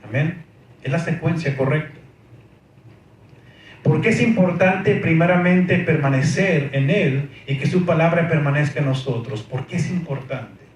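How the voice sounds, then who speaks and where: A man's voice: a little high, a little slow. A man preaching a sermon, emphatic, asking the congregation questions and often saying amén. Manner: emphatic, repeats amén, asks rhetorical questions. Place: church hall. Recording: very echoey hall, distant mic, faint noise.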